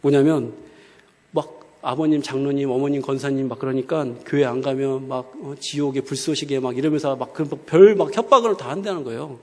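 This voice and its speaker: This preacher has a mid-range voice and talks a little fast. Speaking colloquially in a church hall with a long echo, he gives a conversational sermon full of rhetorical questions to the congregation.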